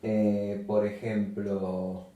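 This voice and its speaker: Slow, deliberate man teaching in an echoey room. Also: fairly low pitch, flat delivery, distant mic, muffled recording. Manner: slow and deliberate, repeats each example word. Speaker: Spanish teacher. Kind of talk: slow whiteboard grammar lesson.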